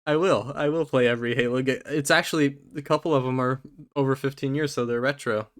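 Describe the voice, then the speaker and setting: A man's voice: medium pitch, fairly even intonation, fast talker. A man hosting a podcast, chatting casually, often laughing and stuttering a little. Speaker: podcast host.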